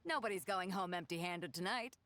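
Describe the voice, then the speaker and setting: An actress playing a bold, hearty, generous ship captain in a video game, with a breezy, confident manner. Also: female voice, fairly low pitch, brisk, a bit bright, a little hiss or hum, natural voice. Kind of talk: video game character acting.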